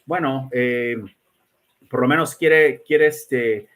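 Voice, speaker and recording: A man's voice: medium pitch, steady tone, slow, fairly bright tone. A man hosting a casual livestream, talking emphatically, repeating himself and greeting viewers by name. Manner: emphatic, repeats words and restarts often. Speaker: livestream host giving predictions.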